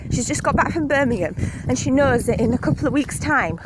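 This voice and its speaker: An excited, out-of-breath woman gives a gushing motivational pep talk to her phone camera while walking her dog outdoors. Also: sits high, a little fast, heavy background noise. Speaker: network marketing team leader.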